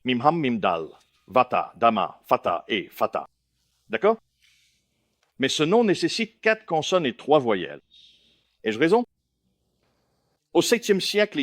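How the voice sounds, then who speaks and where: A man's voice: mid-range voice, no echo, studio quality. A man from India giving a lecture to a live audience, emphatic, often stopping to check that listeners follow.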